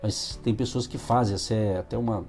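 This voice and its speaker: In a radio studio, a man with a Brazilian Portuguese accent hosts a devotional program, explaining Bible verses conversationally and often adding tag questions. His voice is on the low side, steady, a little mellow and a bit fast, with soft music in the background.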